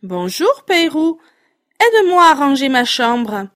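Creepy centipede monster girl, a lady doing it, sweet but threatening, slow chant. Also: high voice, very animated, a bit bright, exaggerated voice. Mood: menacing. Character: giant centipede monster posing as little girl, menacing.

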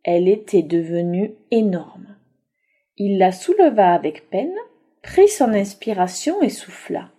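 A woman's voice: medium pitch, husky. A woman reading a children's story aloud as the storyteller. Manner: slow, lively intonation.

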